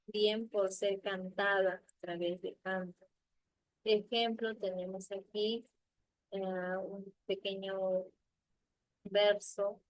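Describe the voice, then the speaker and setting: A woman's voice: medium pitch, no room sound, poor audio. A woman teaching a literature lesson, explaining patiently with examples and often checking in with a questioning "ya?".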